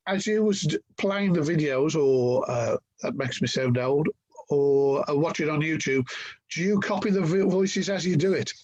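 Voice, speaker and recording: A man's voice: a little high, normal speed, a little mellow, dry recording, muffled recording. A man interviewing a guest in a casual chat, asking loose, rambling questions full of fillers.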